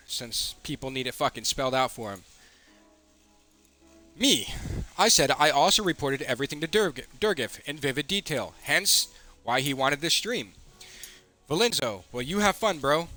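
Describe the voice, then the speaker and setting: A man is heated and ranting on a livestream, swearing often as he reads messages aloud. His voice sits a little high and sounds bright and forceful. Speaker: streamer.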